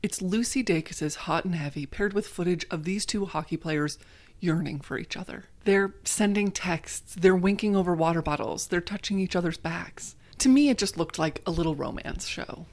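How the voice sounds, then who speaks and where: A woman's voice: lowish voice, normal speed, a little mellow. A woman from the United States narrating a scripted video essay in a conversational, wry way, dropping in joking self-corrections.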